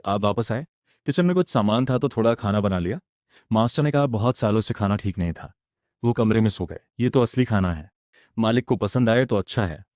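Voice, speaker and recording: A man's voice: fairly low pitch, darkish tone, dry recording, studio quality. A man narrating a fantasy comic recap, acting out every character's lines in turn. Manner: acts out each character in turn. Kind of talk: dramatic manhwa recap voicing all characters.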